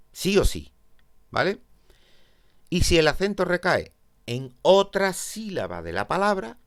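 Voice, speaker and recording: A man with a Peninsular Spanish accent teaches a grammar lesson, explaining each rule patiently, one step at a time. His delivery is slow, with a lot of movement in the pitch. He pauses now and then to ask whether everyone is following. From Spain. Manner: explains step by step, checks in with "¿vale?".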